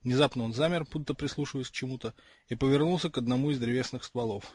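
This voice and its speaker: A man narrating an audiobook in a measured storytelling manner, with a slightly husky voice. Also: medium pitch, darkish tone, no room sound. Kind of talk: scripted narration.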